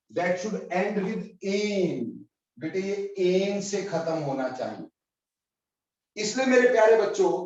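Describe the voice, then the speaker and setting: A man with a high-pitched voice gives a slow, patient chemistry lesson, repeating each key point and fondly calling his students children. His voice carries from a distance through a very roomy classroom. The recording sounds dull and lo-fi. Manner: mixes Hindi with English terms. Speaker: chemistry teacher. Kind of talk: classroom lecture.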